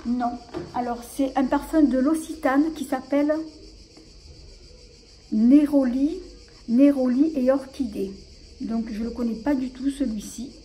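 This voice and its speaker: A woman's voice: high-pitched, unhurried, pauses often, mellow, a little hiss or hum, poor audio. A woman vlogger chatting casually about her collection, hesitant and full of fillers and restarts. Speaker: beauty vlogger. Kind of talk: casual show-and-tell vlog.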